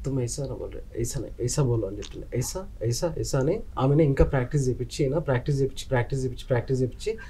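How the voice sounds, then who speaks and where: A man's voice: medium pitch, warm tone, slight background noise. A man on a film team, telling anecdotes from the shoot in a casual interview. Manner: fast anecdotal recounting.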